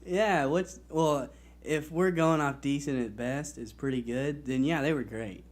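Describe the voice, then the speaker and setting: A young man co-hosting a comedy podcast in casual chat, trading dry, deadpan quips. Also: fairly high pitch, unhurried. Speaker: podcast co-host.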